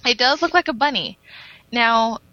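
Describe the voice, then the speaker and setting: A woman co-hosts a casual chat podcast with a bright, forward voice. She reads a news item with frequent ums. The sound is dry and a little muffled. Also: on the high side, animated, normal speed, dry recording. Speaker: podcast co-host.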